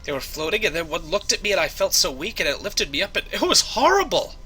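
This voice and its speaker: A man's voice: high voice, very animated, fast, pushed and bright, slightly rough, pitched above the performer's own voice, full character voice. A man voicing a frightened young woman who runs a space station shop, talking shakily and stammering. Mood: scared. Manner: shaky, breathless, stammering.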